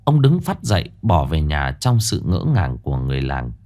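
Man narrating a ghost story, lively pitch. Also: normal speed. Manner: dramatic, expressive storytelling.

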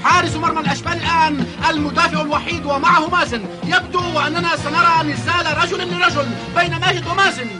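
A man playing an excitable, amazed football commentator in an animated series, exclaiming dramatically. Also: very high voice, fast, few pauses. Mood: excited. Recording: loud music under the voice. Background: loud music.

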